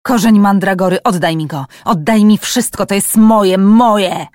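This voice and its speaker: Hissing, greedy storybook villain, voiced by a woman; loud, venomous demands. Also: mid-range voice, unhurried, dry recording, studio quality, lightly acted. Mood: frenzied. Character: vicious grasping male brother, hissing, hate-filled.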